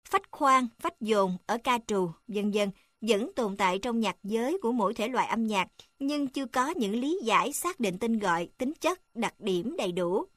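A woman reading a music textbook aloud in an even, formal manner, announcing each section number. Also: on the high side, no room sound, studio quality. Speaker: narrator reading a text on music.

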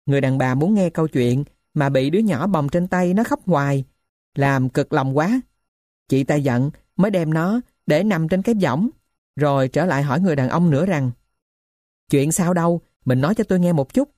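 A woman narrating a story in a plain, steady reading voice. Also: sits low, moderate pace, no room sound, clean studio sound.

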